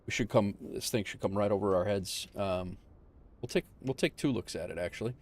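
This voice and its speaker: A man giving casual livestream commentary on a flight simulator game, informal and thinking out loud. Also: lowish voice, a little fast.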